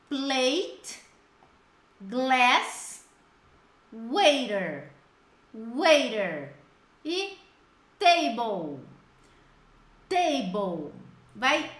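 A Brazilian woman teaching English live, drilling words slowly and having learners repeat after her. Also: sits high, fairly bright tone, roomy sound. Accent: Brazilian Portuguese. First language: Portuguese. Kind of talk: live online English lesson.

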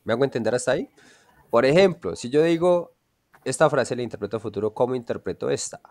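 A man's voice: mid-range voice, expressive, fast, darkish tone, no echo. A man with a Colombian Spanish accent, teaching an online English lesson and often checking whether his students follow. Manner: checks understanding often, asks students questions.

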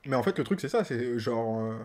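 A man's voice: mid-range voice, expressive, brisk, a little mellow. A man giving casual let's-play commentary as a streamer, playful, laughing often and talking to the game characters.

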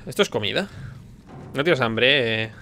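A man's voice: mid-range voice, lively intonation, unhurried, pushed and bright. A man playing a horror game, muttering tensely and yelping when scared. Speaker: gaming streamer. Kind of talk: let's play commentary.

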